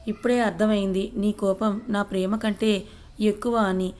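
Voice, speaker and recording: A woman's voice: mid-range voice, fairly even intonation, moderate pace, darkish tone, lightly acted. A woman voicing a determined young wife who speaks firmly, in a narrated love story. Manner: firm, resolute.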